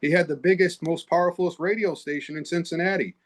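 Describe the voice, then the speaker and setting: A man explains car history and practical tips in a plain, matter-of-fact manner during a relaxed chat. His voice is somewhat higher than typical for a man, and he speaks without fuss. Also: a little fast. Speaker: co-host, car expert. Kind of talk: casual chat.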